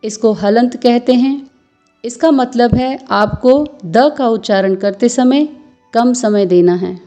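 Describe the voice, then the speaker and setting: A woman with a mellow, soft-toned voice guides listeners through sacred verses as a recitation teacher. She chants each line at a very slow, deliberate pace, then explains the pronunciation more briskly. Faint music plays softly underneath. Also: fairly high pitch, dull audio. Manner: patient, chants verses slowly, explains quickly.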